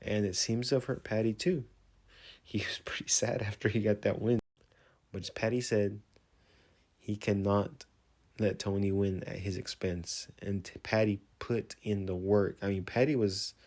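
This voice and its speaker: Brief: man with a low voice, talkative sports vlogger, casual recap read, fan energy. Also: a little mellow. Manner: chatty and loose, lots of "like", openly fannish. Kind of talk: casual fight recap commentary.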